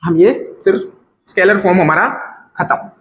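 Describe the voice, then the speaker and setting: High-voiced man teaching physics. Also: moderate pace, fairly bright tone, roomy sound, slight background noise, poor audio. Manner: explains step by step, checks in with students. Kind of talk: classroom lecture.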